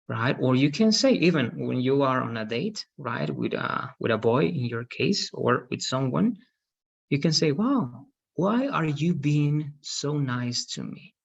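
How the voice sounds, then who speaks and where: A man's voice: mid-range voice, lively intonation, creaky, breathy edge. A man, teaching an English grammar class online, patient and repeating "right?" after each point. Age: 30s. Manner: slow, patient, tags sentences with "right?". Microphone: video call webcam. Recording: dull lo-fi video call audio.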